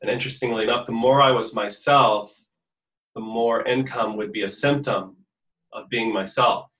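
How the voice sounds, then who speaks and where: A man with a bright, forceful voice gives a guest's answers in an interview, earnest and reflective, restarting phrases as he works out his thoughts. The recording has a roomy echo around him. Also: mid-range voice, fairly even intonation, moderate pace, distant mic. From born in the US, raised in Portugal from fifteen. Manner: earnest, thinks aloud with restarts. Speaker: musician guest.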